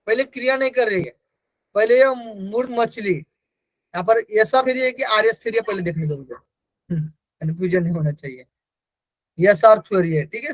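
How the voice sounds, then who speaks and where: A man's voice: extremely high pitch, a bit bright, no room sound, low-quality recording. A man giving an exam-prep lecture. He asks the class questions, answers them himself and repeats key terms. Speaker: teacher.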